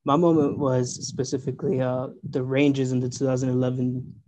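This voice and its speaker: A man's voice: mid-range voice, little pitch movement, brisk, mellow. A twenty-year-old man hosting a sports podcast, asking questions in an eager, informal way with many fillers. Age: 20s. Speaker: podcast host, interviewer. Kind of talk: casual interview.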